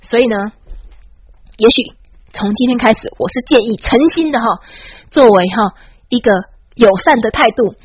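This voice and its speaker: A woman with a Taiwanese Mandarin accent giving a mock-boastful satirical monologue, dropping a breathy "ha" into nearly every phrase. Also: a little high, moderate pace, pauses often, dry recording. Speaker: satirical commentator. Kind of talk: sarcastic comic monologue.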